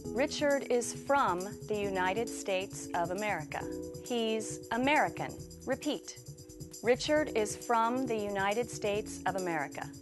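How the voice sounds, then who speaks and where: Slow, clear woman teaching English. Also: mid-range voice, animated, music in the background. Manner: clear, drilled teacher delivery. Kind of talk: slow scripted English lesson.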